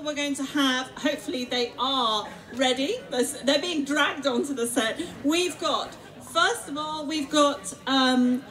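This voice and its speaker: A woman moderating a stage event before an audience, speaking haltingly with many fillers. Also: high voice, a bit bright, far from the mic, rough recording. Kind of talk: moderating a public talk.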